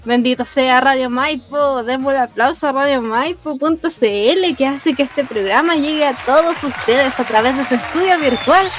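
A woman with a Chilean accent and a high voice hosts a radio show over a music bed. She is chatty and casual, talking straight to her listeners. Her delivery is playful and full of exclamations. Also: moderate pace, hardly any pauses.

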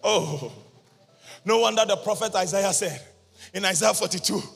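A man preaches in a very high, husky, gravelly voice, chanting half-sung lines and breaking into shouts. The sound rings bright and sharp. His voice echoes through a large hall with soft music underneath. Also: normal speed. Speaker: prophet preaching. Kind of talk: sermon. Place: large church or convention hall. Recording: reverberant hall with music behind.

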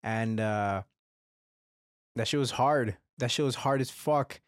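Taking it slowly in a mid-range voice, a young man talks through his casual solo podcast, rambling, cursing a lot and frequently starting over. His throat is slightly congested and phlegmy. The sound is clean studio audio with no echo.

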